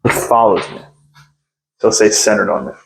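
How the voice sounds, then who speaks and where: Talking unscripted into a propped-up phone, this young American podcast host rambles, pokes fun at himself and leans on fillers. His lowish, creaky voice is lively in intonation and a little fast. Slight background noise comes through on a rough recording.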